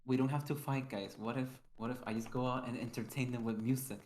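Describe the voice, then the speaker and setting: A man with a mid-pitched voice, playing in a tabletop game with hesitant, stammering lines. His voice rings in an echoey room. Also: steady tone, quick pace, a little mellow, slight background noise. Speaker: player. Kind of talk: casual game chat, in character.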